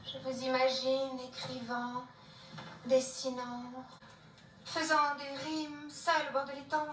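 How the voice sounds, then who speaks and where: A composed woman with a high, clear voice speaks wryly about a man who loves her. Her delivery stays measured. She sounds far from the mic in an echoey space. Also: little pitch movement, fairly bright tone, faint music behind. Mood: moved. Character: poised woman named Marlène, rejecting a suitor.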